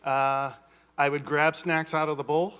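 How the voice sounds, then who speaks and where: A man with a bright, forceful voice, still out of breath after playing, speaking eagerly and bluntly about what worked. His pitch sits slightly high. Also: level tone, a little slow, clear, resonant tone. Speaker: playtester giving feedback. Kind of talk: post-game feedback chat.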